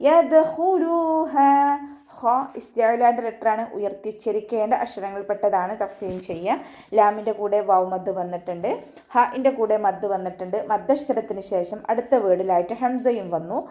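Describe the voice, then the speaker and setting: A woman teaching Quran recitation online, explaining each rule patiently step by step and then chanting the verse words slowly. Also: mid-range voice. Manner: patient step-by-step explanation, often ending with a soft "tto". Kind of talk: online tajweed lesson.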